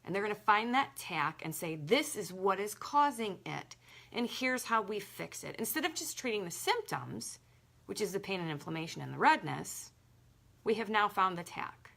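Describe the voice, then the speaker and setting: A young woman working as a holistic health coach talks straight to her listeners in a loose, chatty way, leaning hard on her points. Her voice is bright and forceful, with a middle pitch, and she scatters "like" through her sentences. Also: big pitch swings, moderate pace, creaky. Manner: chatty and emphatic, lots of "like". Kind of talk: casual direct-to-camera talk.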